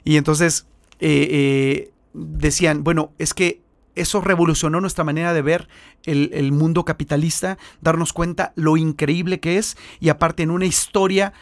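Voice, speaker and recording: Mexican guy telling stories on a podcast, high voice, does all the voices. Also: normal speed, no echo. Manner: animated, acts out the voices in his stories. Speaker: guest, missionary. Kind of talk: storytelling in an interview.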